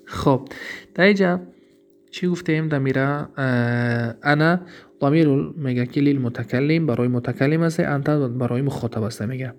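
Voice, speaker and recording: Man teaching grammar, asking and answering himself. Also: medium pitch. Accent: Tajik. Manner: explains slowly, asks himself questions and answers them; reads Arabic examples, then translates each one. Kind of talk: recorded lesson.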